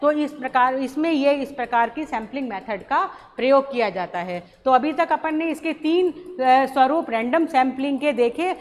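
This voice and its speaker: A woman college lecturer giving a recorded lesson, explaining slowly with many pauses and restarts. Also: sits high. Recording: roomy hall echo, faint ambience.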